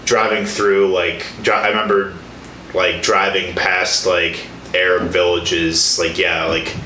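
A man's voice: deep voice, level tone, slow, pushed and bright. A man interviewing a guest in casual chat, hesitant and full of filler words. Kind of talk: casual conversation. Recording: roomy echo, faint background noise.

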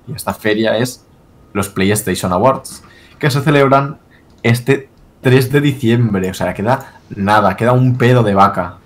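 A man from Spain co-hosting a casual chat, joking and swearing as he talks. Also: mid-range voice. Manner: profane, joking, quick to mock. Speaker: podcast co-host.

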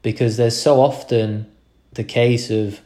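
With a medium-pitched, dark-toned voice and fairly even intonation, this young man hosts a podcast at an unhurried pace. He rambles earnestly through a casual pep talk, often starting over mid-thought.

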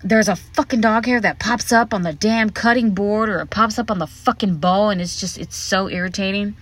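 A woman's voice: medium pitch, normal speed, no echo. A woman hosting her podcast from inside a hotel room closet, chatting frankly and with plenty of swearing. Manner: frank, profane, chatty storytelling. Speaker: podcast host. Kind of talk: casual solo podcast monologue. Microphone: podcast mic set up in the closet.

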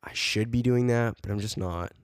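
A man's voice: mid-range voice, moderate pace, clear, resonant tone, dry recording, clean studio sound. A man co-hosting a podcast in casual chat, preaching with fired-up energy and dropping bro and man between points. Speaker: podcast co-host.

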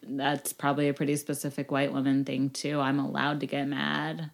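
A woman's voice: rumbling low, monotone, moderate pace, creaky. A woman co-hosting a casual podcast chat, blunt and swearing freely, laughing often. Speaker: podcast co-host.

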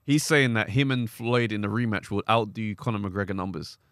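A man's voice: lowish voice, fairly quick, fairly bright tone, no room sound. A man in casual podcast banter, joking and moving the talk on to new topics. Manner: jokey, brings up topics. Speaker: podcast co-host. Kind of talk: casual chat.

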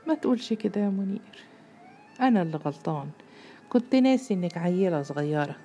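A woman's voice: on the low side, animated, fast talker, warm tone, a little hiss or hum, pitched above the performer's own voice, close to an everyday voice. A woman with an Egyptian accent voicing a pushy, angry man of thirty-eight who scolds sharply in a storybook reading. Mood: bitter. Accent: Egyptian Arabic.

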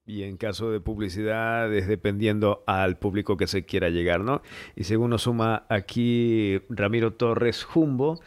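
Podcast host, man, lowish voice, relaxed conversational delivery. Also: a little slow. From Ecuador. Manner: conversational, reads out listener comments. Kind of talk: casual interview talk.

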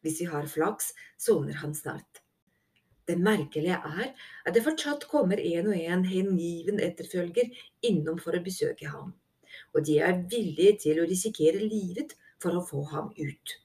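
A woman voicing a brisk male animal captain in a fantasy audiobook, exasperated and commanding. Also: fairly low pitch, mellow, distant mic, close to an everyday voice. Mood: muttering.

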